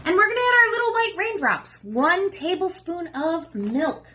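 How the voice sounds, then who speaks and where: Sing-song, high-voiced woman reading to children. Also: very animated, moderate pace, sharp tone. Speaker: children's librarian. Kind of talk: storytelling cooking demo for children. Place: home kitchen, remote video.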